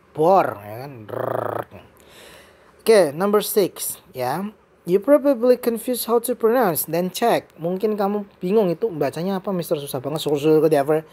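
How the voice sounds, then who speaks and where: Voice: mid-range voice, lively intonation, a little slow, mellow. An English teacher with an Indonesian accent, giving a bilingual vocabulary lesson and switching between English and Indonesian with playful asides.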